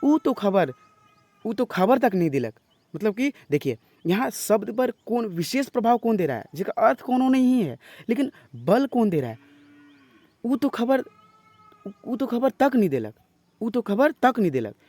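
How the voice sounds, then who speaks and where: A man's voice: sits high, big pitch swings, a little mellow, no room sound. A male teacher giving an exam-prep lesson, explaining step by step, repeating phrases and often checking in with his students. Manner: reads example sentences slowly and emphatically.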